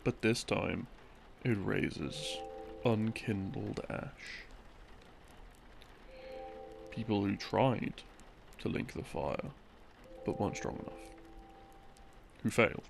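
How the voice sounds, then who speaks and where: In this audio roleplay, the narrator is a boyfriend explaining game lore as a gentle, rambling sleep-aid story. His voice is on the low side and breathy, frequently fading into a murmur, and he speaks in short, broken phrases with long gaps while soft music plays in the background.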